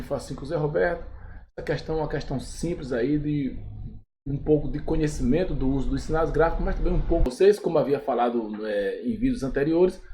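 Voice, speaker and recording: This Portuguese teacher has a Brazilian Portuguese accent and a warm, slightly high voice. In an exam review lesson he works through the questions step by step, checking in with his students after each point. A faint hiss or hum sits in the recording.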